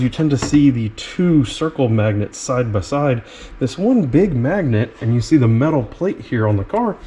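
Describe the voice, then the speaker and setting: A man's voice: mid-range voice, warm tone, a little hiss or hum. An enthusiastic man reviewing and unboxing a remote-control car, talking directly to his viewers and exclaiming over each feature.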